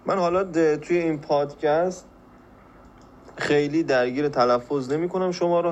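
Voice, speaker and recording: A man from Iran teaching a spoken language lesson on a podcast. He explains patiently, repeats phrases slowly and asks rhetorical questions. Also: medium pitch, muffled recording, slight background noise.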